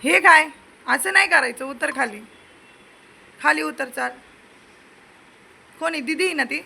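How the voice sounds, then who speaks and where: A young woman talks to her daughter at home in a coaxing, playful way. Her voice sits high and bright, with some fry at the ends of phrases. It is a phone recording with a faint hiss underneath. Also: measured pace, low-quality recording. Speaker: mother filming her daughter. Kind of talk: casual home chat with a child. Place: home indoors.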